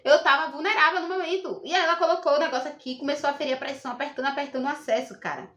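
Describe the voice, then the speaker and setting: A woman's voice: sits high, fairly even intonation, rapid-fire, a bit bright, echoey room, slight background noise. A young Brazilian woman telling a personal story to camera in a casual, indignant and emphatic way. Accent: Brazilian Portuguese. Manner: indignant, emphatic, repeats herself. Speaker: vlogger.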